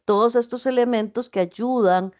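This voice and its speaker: A woman's voice: a little high, moderate pace, a little mellow, lo-fi sound. A woman giving an online class lecture, patiently explaining with spoken examples. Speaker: teacher.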